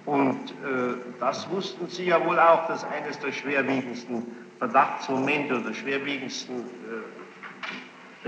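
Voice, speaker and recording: Here a presiding judge with a mid-range voice interrogates a witness, insistent and stern, his formal sentences long and halting. A large courtroom's reverb, room ambience and plain tape noise come through the muffled archival recording.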